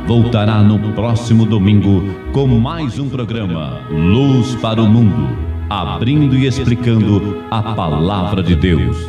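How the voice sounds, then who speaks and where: A male radio announcer reads the program sign-off slowly and with measured formality. His low voice rises and falls in a lively way. It sounds roomy over a loud music bed.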